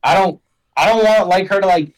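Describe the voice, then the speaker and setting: A young man guesting on a casual podcast, his voice sitting a little high for a man. He rambles through his stories in loose slang, leaning constantly on "like" and "bro". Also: brisk, low-quality recording. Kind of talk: casual chat.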